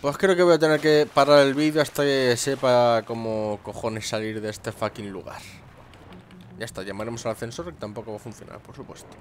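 A man's voice: mid-range voice, fairly even intonation, fairly quick, a little hiss or hum. A young man, commenting on his gameplay, muttering to himself and swearing. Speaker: gameplay host. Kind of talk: let's play commentary.

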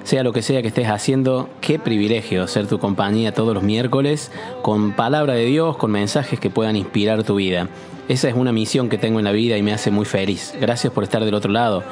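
Low-voiced Argentine radio host. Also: male voice, brisk, soft background music. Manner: warm direct address to the listener, encouraging.

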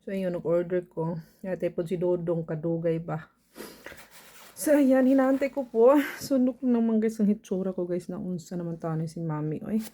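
A woman's voice: on the low side, moderate pace, dark tone. Chatty woman vlogging. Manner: chatty, mixes in Cebuano and English, laughs often. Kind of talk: casual vlog talk to camera.

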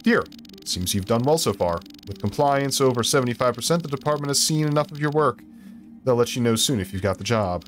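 A man's voice: medium pitch, lively intonation, brisk, lightly acted. A man voicing a stern female department chief in a game, speaking in a clipped, cool, warning way.

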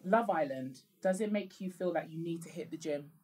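A woman's voice: on the low side, a little fast, husky. A woman with a British accent co-hosting a casual chat, telling stories and acting out quotes. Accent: British English. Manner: animated storyteller, acts out quotes. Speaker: podcast co-host. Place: recording studio.

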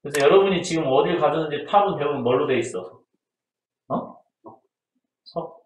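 A man's voice: a little high, moderate pace, dull audio, a little hiss or hum. A man teaching history in a casual exam-prep lecture, who asks his students questions and answers them himself. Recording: roomy echo.

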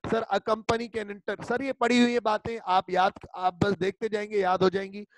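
This high-pitched male law teacher runs an online class in a repetitive way, having students call back key terms after him. He keeps a moderate pace with little pitch movement, and the recording is rough but echo-free.

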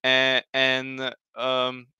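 Bright, crisp-voiced young Slovak man. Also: medium pitch, monotone, extremely slow, no room sound. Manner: hesitant, many fillers and restarts, earnest. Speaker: panel guest. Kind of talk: casual panel discussion. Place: home room. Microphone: headset.

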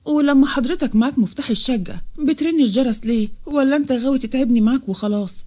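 Woman reading as a sharp-tongued Egyptian bride. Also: high-pitched, fast. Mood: irritated. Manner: sharp, teasing. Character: spirited young bride, quick-tempered.

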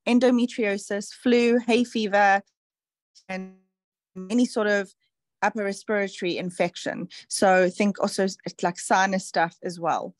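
A woman's voice: medium pitch, steady tone, a little slow, no room sound. A woman talks through tips on a casual online call, chatty and explanatory, her words tumbling out with fillers. Her voice sits mid-range and sounds close and dry. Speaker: presenter on a product call.

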